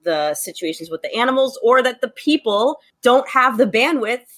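A woman hosting a podcast, speaking in a supportive, reassuring and measured way. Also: on the high side, animated, a bit bright, no echo. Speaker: podcast host. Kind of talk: casual podcast conversation.

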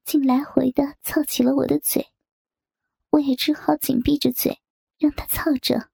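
A young woman reading a story aloud in hushed, intimate whispered narration. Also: high-pitched, level tone, normal speed, dry recording, clean studio sound. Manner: hushed, intimate, breathy delivery.

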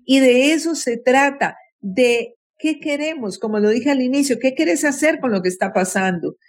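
A woman with a somewhat high voice talks about mental health in an interview. She is slow and emphatic and stresses key words. Now and then she mimics people's complaints. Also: lively intonation. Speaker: guest psychologist.

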